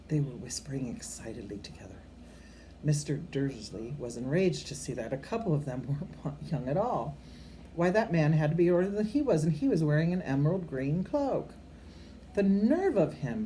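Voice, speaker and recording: The voice sits low: an older woman reading a storybook aloud to children, grandmother-style. Expressive yet homely and unpolished, she occasionally stumbles over words and corrects them, slipping in casual asides to the kids. This low-quality amateur recording has faint background noise.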